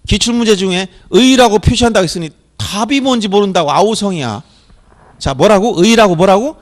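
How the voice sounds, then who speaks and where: A man's voice: high voice, a little fast. A middle-aged man giving an exam prep lecture, drilling his students with repeated questions that he answers himself. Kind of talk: classroom lecture.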